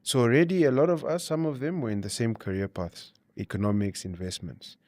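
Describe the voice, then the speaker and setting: A man's voice: mid-range voice, fairly even intonation, fairly quick, darkish tone, no echo, studio quality. A man giving advice and telling stories as an interview guest, explaining his points with frequent 'you know' and 'you see'. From Namibia. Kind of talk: conversational interview advice and storytelling.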